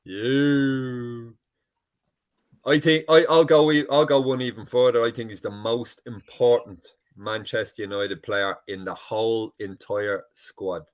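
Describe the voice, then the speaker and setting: A man on a fan podcast. He speaks slowly and earnestly, with some teasing asides. His voice is mid-pitched. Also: steady tone. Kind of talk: casual football podcast chat.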